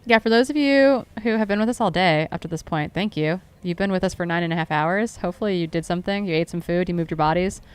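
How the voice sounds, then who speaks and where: A woman's voice: on the low side, fast talker, few pauses, clear, resonant tone. A woman commentating a live trail race, chatty and upbeat, often correcting herself.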